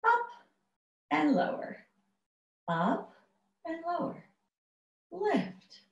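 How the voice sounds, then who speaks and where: A woman Pilates instructor leading a home workout class over a video call, counting down reps with slow, drawn-out cues. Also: extremely high pitch, huge pitch swings, distant mic, muffled recording. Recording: echoey room, voice off-mic.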